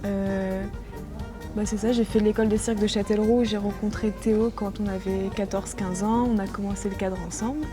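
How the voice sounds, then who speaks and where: A woman's voice: mid-range voice, little pitch movement, brisk. A young woman from France, a circus flyer chatting cheerfully in an interview with many fillers. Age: young adult. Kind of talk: interview testimony. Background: guitar music.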